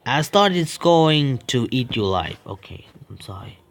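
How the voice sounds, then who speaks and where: In a sing-song, medium-pitched voice, a young man works through a horror visual novel aloud. He stumbles often, correcting himself and reacting with quick apologies.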